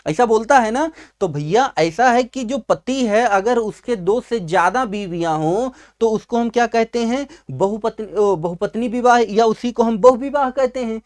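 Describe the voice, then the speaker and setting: A man's voice: very high-pitched, normal speed, few pauses. A male teacher giving an exam-prep vocabulary lesson at a writing board. He asks questions and answers them himself, repeating key words, and addresses his students fondly. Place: at a writing board in a class video.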